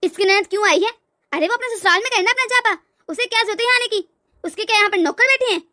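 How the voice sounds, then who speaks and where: A woman's voice: extremely high pitch, quick pace, sharp tone, no room sound. Woman voicing a bossy nagging mother-in-law. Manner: nagging, haughty. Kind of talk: cartoon voice acting.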